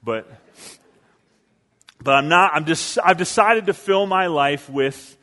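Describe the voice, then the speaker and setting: Casting: male pastor, slightly higher voice, conversational storytelling sermon, long church reverb. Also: slow, sharp tone. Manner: conversational storytelling with quoted asides.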